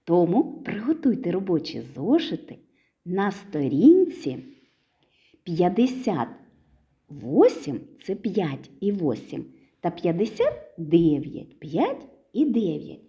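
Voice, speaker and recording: A woman's voice: on the low side, big pitch swings, dark tone. Sing-song woman teaching small children. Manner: sing-song, exaggerated syllables, slow and clear. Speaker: preschool teacher. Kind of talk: literacy lesson for preschoolers.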